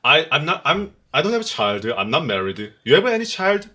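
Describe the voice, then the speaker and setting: A man, chatting flirtatiously on a video call in halting, broken English. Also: a little high, very animated, pushed and bright. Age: 30s. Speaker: guest caller. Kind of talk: casual video call chat.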